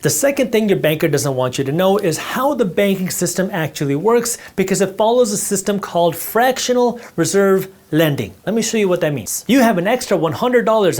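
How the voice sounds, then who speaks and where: A man whose native language is Punjabi teaches personal finance, speaking directly and emphatically to the viewer while drawing on a board. His voice is high-pitched and a little mellow.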